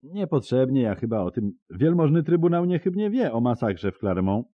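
A man voicing a soldier giving testimony before a tribunal in an audiobook, hurried and deferential. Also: medium pitch, sing-song, dry recording, phone-quality sound, voice pushed up. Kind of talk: audiobook character voice.

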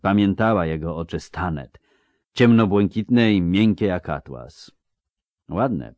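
Deep guy narrating an audiobook, dry close studio sound. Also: measured pace, a little mellow, no room sound. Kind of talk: scripted narration.

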